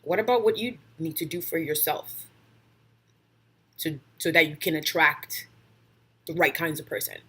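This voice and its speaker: A woman's voice: sits low, moderate pace, long pauses, bright, forceful tone, poor audio. A young woman from Brooklyn, giving a passionate, blunt vlog monologue with swearing and frequent laughs. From Brooklyn, New York. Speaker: vlogger and dating blogger. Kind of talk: casual opinion monologue.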